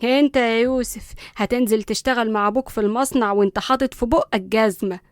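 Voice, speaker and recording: A woman's voice: fairly high pitch, fast talker, no room sound, studio quality, lightly acted. A woman voicing a fierce, bossy old grandmother with an Egyptian accent, scolding and threatening with sarcasm.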